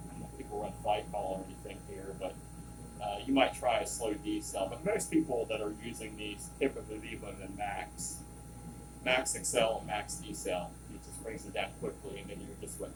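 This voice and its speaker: Guy casually explaining lab equipment, kinda rambly, far from the mic, loud machine noise behind him. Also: on the low side. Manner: informal, rambling, digressing. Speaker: equipment trainer, service technician. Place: room with running lab machinery. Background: loud compressor and vacuum pump noise.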